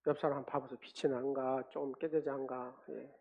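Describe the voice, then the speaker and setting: A man's voice: medium pitch, level tone, fairly quick, vocal fry, phone-quality sound. A man preaching a sermon in a church. He speaks emphatically and leads the congregation in call-and-response. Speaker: pastor. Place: church sanctuary.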